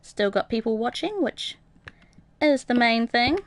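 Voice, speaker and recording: Playing a game on stream, a young woman casually chats with her audience and reads their comments aloud, filling gaps with frequent ums and uhs. Her voice is fairly high and expressive, and she speaks unhurriedly against slight background noise.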